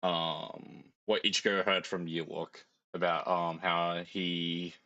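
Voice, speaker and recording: A man's voice: deep voice, flat delivery, takes it slowly, pushed and bright, no room sound, dull audio. A man hosting a podcast in casual chat, giving a laid-back recap and agreeing often. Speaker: podcast host.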